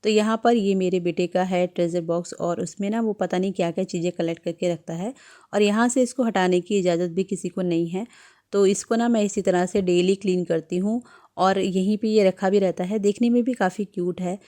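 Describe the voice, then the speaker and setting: A woman narrating her home vlog as a voice-over in a gentle, chatty manner, giving homemaking advice to her viewers. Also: mid-range voice, steady tone, brisk. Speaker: homemaking vlogger.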